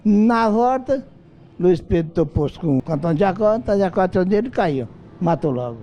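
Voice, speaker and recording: An older man, recounting events he witnessed, lively and acting out the voices in his tale. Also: sits high, brisk. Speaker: eyewitness interviewee. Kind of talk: storytelling recollection.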